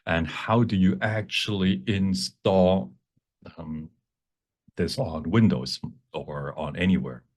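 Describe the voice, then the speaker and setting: A workshop instructor with a deep voice teaches a live software demonstration, explaining each step in a halting, repetitive way. He's bilingual and switches between English and Cantonese.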